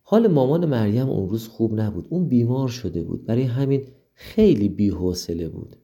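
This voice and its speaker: A man reading a bedtime story for children, his voice warm and mellow. He talks gently to the child listening, at an even pitch. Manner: gentle, addresses the young listener directly.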